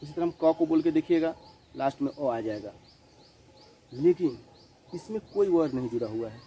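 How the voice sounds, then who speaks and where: Male teacher, slightly high yet mellow voice, slow and repetitive, answers his own questions, mixes in English words. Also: slight background noise, low-quality recording. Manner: repeats each definition slowly, asks and answers his own questions. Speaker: school teacher. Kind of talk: classroom grammar lesson.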